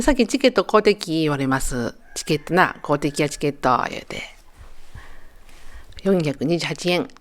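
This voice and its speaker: A woman in her sixties with a Kansai accent, narrating her travel vlog in a chatty, joking way, as if talking to friends. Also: on the low side. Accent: Kansai Japanese. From Japan. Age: 60s. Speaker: travel vlogger. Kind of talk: casual voice-over narration.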